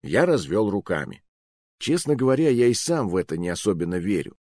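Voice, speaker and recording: A man narrating an adventure audiobook in the first person, expressive and slightly weary. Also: lowish voice, fairly quick, husky, no room sound.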